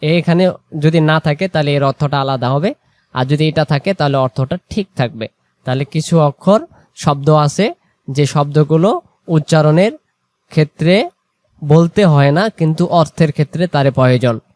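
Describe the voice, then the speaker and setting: A man teaching Quran reading, drawing out example words slowly and then explaining quickly, asking and answering his own questions. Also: fairly high pitch, a little mellow, dry recording. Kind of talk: explanatory lesson.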